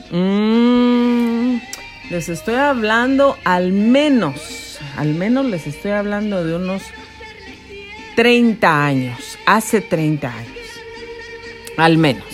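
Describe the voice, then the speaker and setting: Animated woman telling a story, faint music. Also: on the low side. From Mexico. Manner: animated, dramatic, exclamatory. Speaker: podcast host. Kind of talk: personal storytelling.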